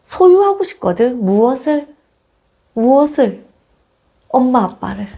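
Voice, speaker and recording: Middle-aged woman, parenting educator, casual lecture, animated and a bit high. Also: a little slow, husky. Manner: asks rhetorical questions and acts out children's lines.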